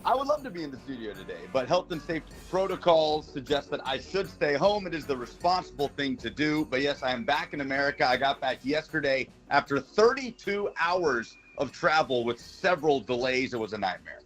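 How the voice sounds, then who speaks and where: A man's voice: medium pitch, sing-song, brisk, few pauses, a bit bright, soft background music. A man from Brazil, a regular on a sports talk show, calling in over a phone line and chatting in a wry, earnest way. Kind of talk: casual sports radio chat.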